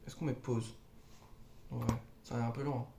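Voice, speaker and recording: A man's voice: medium pitch, little pitch movement, normal speed, vocal fry, heavy background noise. A young man co-hosting a casual podcast chat, with slangy, informal phrasing. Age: young adult. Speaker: co-host. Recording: echoey room.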